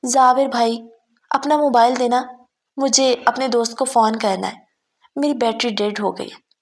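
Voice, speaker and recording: A woman's voice: fairly high pitch, fairly even intonation, natural voice. A woman voicing a mischievous young man who plays pranks at a wedding. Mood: teasing. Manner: mischievous, scheming asides. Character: teasing young man, a playful prankster cousin.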